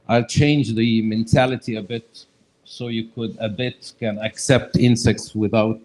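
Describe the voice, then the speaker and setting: A man's voice: fairly low pitch, a little mellow, low-quality recording. A man from Egypt, a visiting entomologist, explaining his work in casual talk, often starting with "okay, so" and using phrasing. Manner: frequent "okay, so", non-native phrasing. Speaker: guest expert, entomologist. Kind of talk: casual talk at a discussion event.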